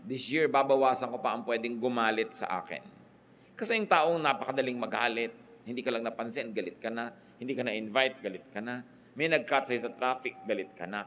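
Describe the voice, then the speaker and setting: A man's voice: medium pitch, fairly bright tone, a little hiss or hum. A middle-aged man preaching a sermon, emphatic and building his points in short lists, switching between two languages.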